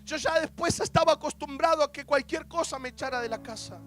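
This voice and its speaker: A man's voice: very high voice, fairly quick, a bit bright, faint music behind. A young man, preaching a sermon as an emotional personal testimony with quoted dialogue.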